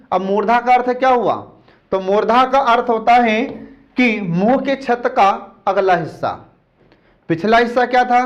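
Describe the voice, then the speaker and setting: In an exam-prep lecture, a man with a high voice steadily drills points by posing questions and answering them himself. He repeats key terms slowly so students can memorize them. The recording sounds dull and lo-fi.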